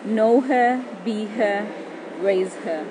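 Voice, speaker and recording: Casting: woman, Papua New Guinean accent, mid-pitched, pidgin spoken-word poetry, noticeable background noise. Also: extremely slow.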